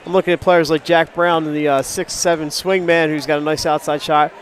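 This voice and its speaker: A man calling live high school basketball in a chatty way, sounding nasal and stuffy, as if pinching his nose, because he is under the weather. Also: little pitch movement, fairly quick, slight background noise. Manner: chatty, joking asides. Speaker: play-by-play sports announcer. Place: indoor school gymnasium. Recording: gym crowd and bouncing basketballs behind.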